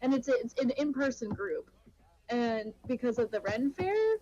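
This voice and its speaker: A woman in her thirties chats casually with her tabletop game group, rambling from one plan to the next. Her voice sits high and comes through a little husky. The line sounds muffled and lo-fi. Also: sing-song, measured pace, dark tone, dry recording. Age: 30s. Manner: chatty, rambling. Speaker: player. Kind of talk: casual chat.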